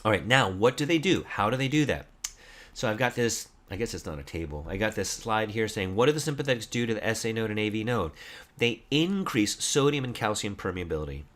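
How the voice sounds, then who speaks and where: Man, low voice, casual lecture, quiz questions, self-corrections, lively delivery. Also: brisk. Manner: lively, quizzing listeners with true-or-false questions and self-corrections. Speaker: anatomy and physiology tutor. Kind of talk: casual lecture over slides.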